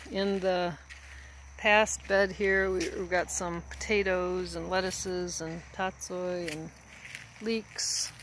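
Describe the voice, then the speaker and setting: Woman showing her garden on a phone, talks real slow, faint outdoor hum and crickets. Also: medium pitch. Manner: unhurried, pointing things out as she walks. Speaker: gardener giving a tour. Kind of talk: walking garden tour. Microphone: handheld phone, speaker behind camera. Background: crickets and outdoor ambience.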